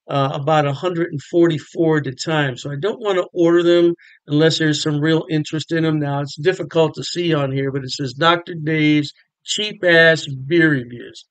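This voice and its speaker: A man's voice: a little high, a bit bright, clear, resonant tone, no echo, low-quality recording. An older American man chatting to the camera about beer from his home bar room, folksy and enthusiastic. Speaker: beer vlogger. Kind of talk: casual talk to camera.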